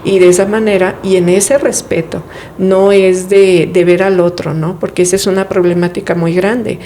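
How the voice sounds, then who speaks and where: A woman with a lowish, mellow voice speaks as an interview guest. She explains ideas in a calm, reflective way and poses rhetorical questions. A faint hiss sits under her voice. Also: normal speed. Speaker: guest speaking on family therapy. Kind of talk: conversational interview.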